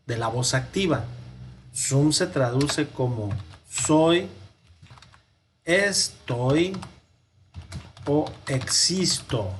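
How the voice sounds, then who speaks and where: A man teaching a recorded Latin lesson, speaking slowly, repeating forms for dictation and correcting himself aloud. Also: a little high, slight background noise.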